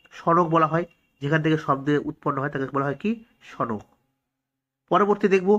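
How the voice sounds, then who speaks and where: A man with a Bengali accent runs through exam quiz answers in a rather high voice, repeating each key fact so it sticks. The recording sounds dull and lo-fi. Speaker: quiz teacher. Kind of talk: exam-prep science lesson.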